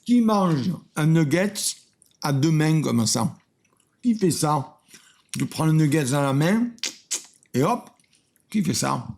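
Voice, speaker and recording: A man hosting a cooking channel, giving excitable comedic reaction commentary from his home studio, bellowing exclamations and then dropping to a low mumble. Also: slow, gravelly, pauses often, slight background noise.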